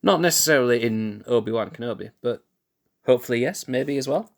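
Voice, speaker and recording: A man's voice: medium pitch, animated, brisk, vocal fry. A man live-streaming in casual chat, thinking aloud in a laid-back way, restarting sentences and chuckling at himself. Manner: musing, thinks aloud with restarts and self-corrections.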